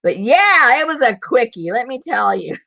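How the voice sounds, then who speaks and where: Giggly, lively woman telling stories while crafting. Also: on the high side, normal speed, gravelly. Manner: chatty storyteller who laughs often. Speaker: junk journal crafter and channel host. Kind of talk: casual chat while crafting. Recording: slightly dull lo-fi recording.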